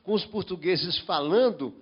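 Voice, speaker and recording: A man's voice: high-pitched, a little slow, husky, highs cut off. A man from the Brazilian Northeast on a panel, commenting at length and restarting his sentences often. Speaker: panel member. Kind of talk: panel discussion.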